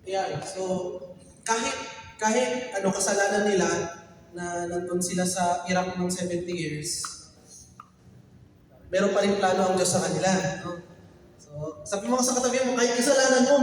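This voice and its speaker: Animated preacher man in echoey hall. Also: high-pitched, moderate pace, long pauses, a little hiss or hum. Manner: animated, switching between Tagalog and English, urging the congregation to respond. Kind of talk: sermon. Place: church hall. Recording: echoey hall, picked up from a distance.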